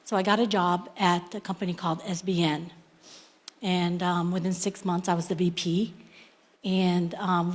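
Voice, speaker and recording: A middle-aged woman from Iraq, an entrepreneur, telling her life story in a plain, unhurried way, with many ums and restarts. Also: fairly low pitch. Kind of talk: personal success story, unscripted.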